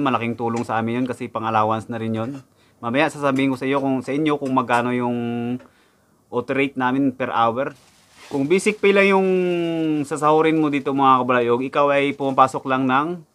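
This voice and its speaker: A man's voice: medium pitch, fairly bright tone. A young man from the Philippines, a factory worker abroad, vlogging casually about his wages indoors, talking to viewers in a chatty way and repeating his figures. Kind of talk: casual explainer vlog. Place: indoors in front of a backdrop.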